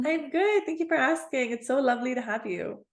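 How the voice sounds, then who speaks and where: A woman's voice: sits high, a little fast. A woman hosting a podcast, upbeat and friendly as she introduces and interviews a guest. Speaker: podcast host. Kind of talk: casual interview conversation.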